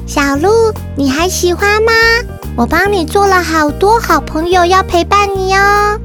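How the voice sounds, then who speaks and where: Very high, slow-speaking tender little girl. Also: music in the background. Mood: affectionate.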